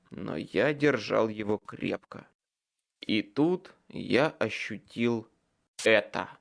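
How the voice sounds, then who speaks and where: Brief: male audiobook narrator, mid-pitched voice, tense and dramatic first-person read. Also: creaky.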